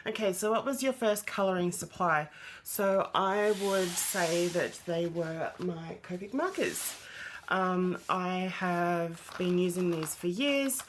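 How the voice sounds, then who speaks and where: A congested, nasal-sounding woman who is out of breath, chatting casually as host of a hobby channel. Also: lowish voice. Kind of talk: casual vlog chat.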